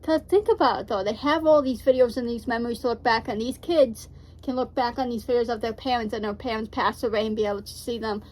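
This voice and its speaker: A woman's voice: fairly high pitch, fast, poor audio. A woman hosting a reaction video, talking casually and rambling with lots of fillers. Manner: chatty, rambling with many fillers. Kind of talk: casual chat.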